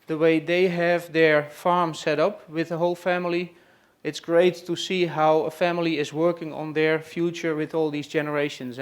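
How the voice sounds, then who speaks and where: A man from the Netherlands, speaking with a Dutch accent, introduces guests to an audience in a room at a trade expo, where he hosts a farm tour session. He is pitched higher than most men. His speech is hesitant, full of pauses and fillers such as "uh" and "let's say."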